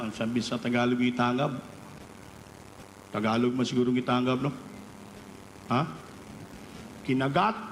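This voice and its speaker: A male preacher with a fairly high voice tells a story from the pulpit, and his voice climbs at the peaks. The sound rings through a large church hall with a long reverb. A faint hiss runs underneath. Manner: animated storytelling, rising pitch at climaxes. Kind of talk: storytelling sermon. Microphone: live webcast of service.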